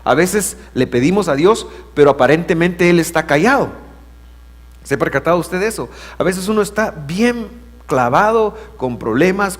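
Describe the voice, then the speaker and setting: Pastor preaching, voice all over the place, soft then loud, big echoey hall. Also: male voice, on the high side. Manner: expressive preaching, swinging between soft asides and loud emphasis. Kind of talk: sermon.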